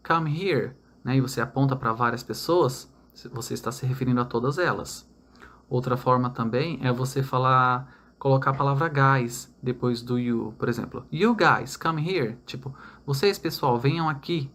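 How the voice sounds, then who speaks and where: A man with a Brazilian accent teaching a recorded online lesson, explaining step by step, slowing down for example sentences and often checking in with "tá?" and "né?". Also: mid-range voice, a bit bright. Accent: Brazilian Portuguese. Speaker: English teacher.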